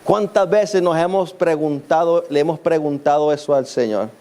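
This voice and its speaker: A man's voice: on the high side, moderate pace, mellow. A man preaching a sermon in church, telling a scripture story and acting out its people in quoted lines.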